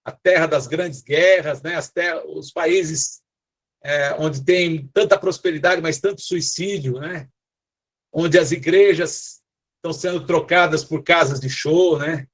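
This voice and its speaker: An older man with a São Paulo accent preaches to a scattered congregation over a video call. His voice sits a little high for a man, and he exhorts earnestly, often checking in with his listeners. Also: a little slow. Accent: São Paulo Portuguese. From São Paulo, Brazil. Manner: earnest, exhorting, frequent tag questions. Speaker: apostle, guest preacher. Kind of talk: online church preaching.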